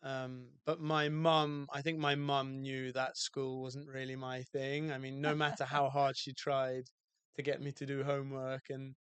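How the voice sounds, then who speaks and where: A relaxed man with a British accent talks through his life as a podcast guest, rambling a little and circling back on his words. His voice is smooth and clear and stays fairly level in pitch. The sound is dry and close, with no room around it. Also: unhurried, few pauses, dry recording. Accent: British English. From England, outside London. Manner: easygoing, loose storytelling with many fillers and restarts. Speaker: guest, hotel owner.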